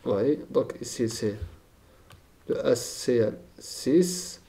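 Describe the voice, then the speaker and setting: A man's voice: medium pitch, lively intonation, slow pace, mellow. A man teaching a chemistry lesson, thinking aloud and repeating key terms, often checking with "d'accord?".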